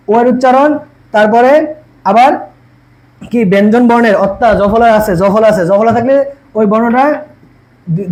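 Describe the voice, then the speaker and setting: A young male teacher with a very high voice. He walks through each rule step by step and asks his students questions that he answers himself. He says each word slowly, over and over. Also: darkish tone, rough recording. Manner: repeats words slowly to drill pronunciation. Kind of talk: exam-prep lesson.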